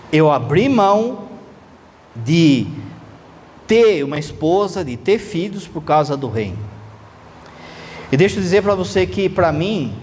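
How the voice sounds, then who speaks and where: A man with a high voice preaches a sermon in church, conversational and animated, posing rhetorical questions. The recording carries the reverberation of a church hall and some faint noise.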